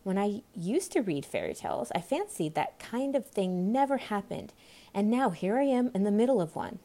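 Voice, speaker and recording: A woman's voice: mid-range voice, very animated, normal speed, dark tone. A woman voicing an earnest young storybook girl who talks to herself in a musing, childlike, self-scolding way. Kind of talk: storybook character voice.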